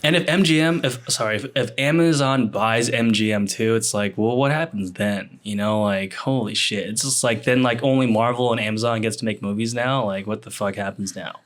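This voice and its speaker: A young man co-hosting a podcast in casual chat. He talks in rapid, rambling bursts and swears freely. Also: on the low side. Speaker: podcast co-host.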